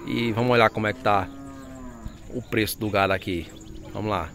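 A man's voice: on the low side, fairly even intonation, brisk, a bit bright, a little hiss or hum. A man walks through outdoor cattle pens at a livestock fair, announcing each lot and its asking price to viewers on a handheld phone. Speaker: vlogger touring a cattle fair. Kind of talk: casual market walk-through.

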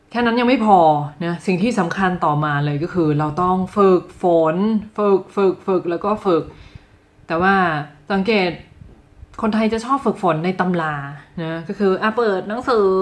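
A woman from Thailand giving a casual video lesson on English, speaking lively and straight to the viewer, and repeating example phrases slowly and clearly. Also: medium pitch. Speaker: English teacher.

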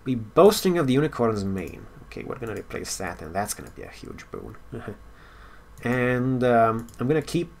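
A man's voice: medium pitch, very animated, normal speed, gravelly. A man giving casual gameplay commentary, thinking aloud with wry asides and now and then reading story text out. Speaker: game player and commentator.

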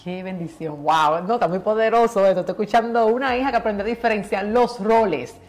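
A woman's voice: medium pitch, a little fast. Encouraging woman hosting a faith interview. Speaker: host.

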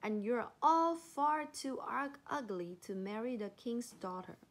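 A woman's voice: fairly high pitch, lively intonation, a little slow. Woman doing a vain sneering leopard. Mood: haughty. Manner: sneering, haughty.

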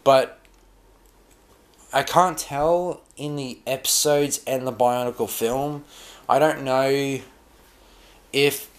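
A man giving a casual hands-on toy review in a dim room, talking in a rambling, halting way with many restarts. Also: medium pitch, fairly even intonation, clean tone.

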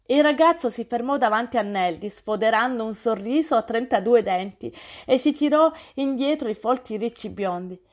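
A woman reads a novel aloud in scripted audiobook narration. Her voice sits fairly high and moves along in a steady storytelling rhythm. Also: normal speed.

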